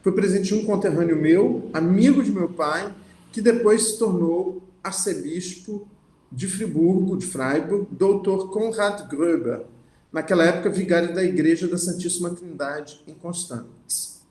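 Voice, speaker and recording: High-voiced lecturer in an echoey room. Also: male voice, unhurried, a little mellow. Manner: reads passages aloud, then comments with frequent "né?" and restarts. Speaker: philosophy lecturer. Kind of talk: lecture, reading and explaining a text.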